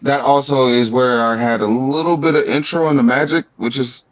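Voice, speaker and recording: A man with a mid-pitched voice joins a casual podcast chat as a guest. He recounts his experiences in a relaxed, easygoing way. His voice comes through slightly dull, as on a lo-fi recording. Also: moderate pace. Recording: dull, lo-fi sound.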